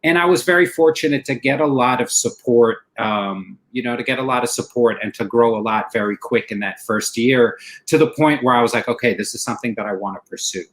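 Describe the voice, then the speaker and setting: A man's voice: mid-range voice, a little fast, few pauses, fairly bright tone, poor audio. A man in his forties who grew up in the Middle East, a comedian chatting casually as a guest, rambling and repeating himself. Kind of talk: casual interview chat.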